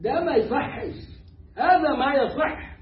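Man, Egyptian Arabic accent, very high voice, religious lesson, playful mimicry, distant muffled mic. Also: expressive, unhurried, roomy sound, a little hiss or hum. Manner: joking, mimics mispronunciations. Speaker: religious teacher.

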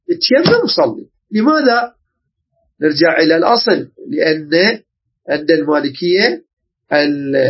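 A man from Iraq with an Iraqi Arabic accent, teaching a religious jurisprudence lesson and often pausing to check that listeners follow. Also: fairly high pitch, breathy edge, muffled recording. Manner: explanatory, checks understanding often.

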